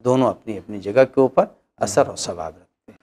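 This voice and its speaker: A man's voice: fairly low pitch, normal speed, a little mellow, slightly rough. A man, an Islamic cleric, answering religious questions with emphatic rhetorical questions.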